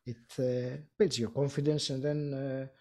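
A man from Greece, Greek his first language, speaking English with a Greek accent as a podcast interview guest, thoughtful with frequent pauses. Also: medium pitch, fairly even intonation, mellow. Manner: thoughtful, many filler pauses, laughs lightly. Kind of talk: casual interview.

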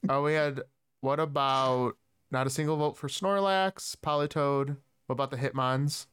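A man's voice: medium pitch, steady tone, normal speed, a bit bright, slight background noise. A man hosting a casual podcast chat, laid-back and laughing often. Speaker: podcast host.

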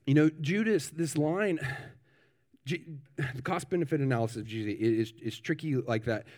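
A man's voice: medium pitch, moderate pace, a little mellow. A male pastor preaching a conversational sermon with informal asides, often restarting and repeating words.

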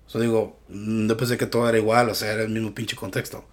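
A man's voice: on the low side, level tone, quick pace. A Mexican man from Michoacán hosting a podcast, chatting casually with lots of slang and profanity and laughing easily. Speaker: podcast host. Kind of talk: casual chat.

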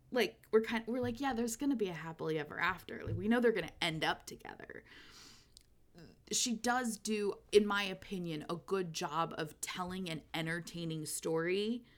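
A woman co-hosting a podcast, chatting casually about books in an animated way and laughing often. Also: fairly low pitch. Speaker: podcast co-host. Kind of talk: casual book discussion.

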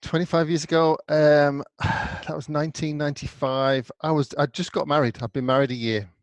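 A man's voice: a little high, level tone, normal speed, no room sound. A man co-hosting a podcast, chatting in a playful, joking, easygoing way. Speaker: podcast co-host. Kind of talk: casual podcast chat.

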